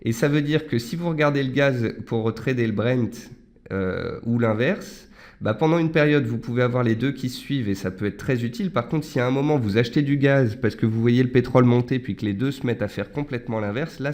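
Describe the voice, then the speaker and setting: A man's voice: medium pitch, fairly quick, a little mellow. A man hosting a morning market briefing, explaining things step by step and speaking directly to his listeners as an analyst. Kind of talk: live financial market commentary with audience questions.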